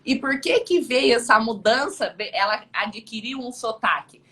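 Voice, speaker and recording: A woman's voice: a little high, measured pace, pushed and bright. A woman audiologist talking casually as an interview guest, chatty and peppering her sentences with little check-in tags.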